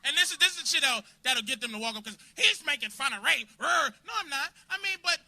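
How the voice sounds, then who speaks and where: A man doing a crude, confrontational stand-up set in a comedy club, bursting into shouts at hecklers. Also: extremely high pitch, expressive, fast talker.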